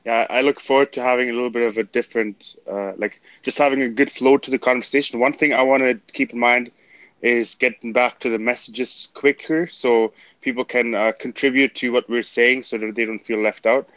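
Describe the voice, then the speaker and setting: A man's voice: mid-range voice, steady tone, a little fast, a bit bright, no room sound. A man hosting a casual live conversation in a friendly, enthusiastic and loosely rambling way. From Germany. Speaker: live talk host. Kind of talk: casual chat.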